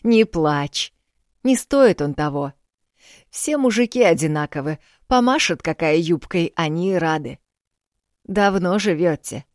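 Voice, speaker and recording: A woman reader voicing an elderly village landlady, blunt and earthy, scolding loudly in folksy speech. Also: on the low side, lively intonation, measured pace, no room sound, clean studio sound, voice pushed up. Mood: indignant.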